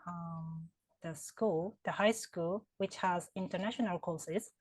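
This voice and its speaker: Her voice sits on the low side with a breathy edge, and she speaks slowly with no echo around her. A Japanese-accented woman in HR consulting who also counsels on careers, she responds to interview questions thoughtfully, often using fillers and starting over.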